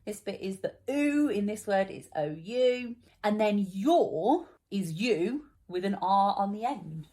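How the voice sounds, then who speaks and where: A woman's voice: mid-range voice, expressive, takes it slowly, few pauses, mellow. A young woman teaching a children's spelling lesson, patient and encouraging, explaining each word step by step.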